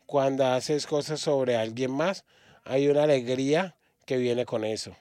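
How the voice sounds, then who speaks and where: A man from Australia preaching a sermon in a church, halting often and restarting his words. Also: medium pitch, dark tone, dry recording, clean studio sound.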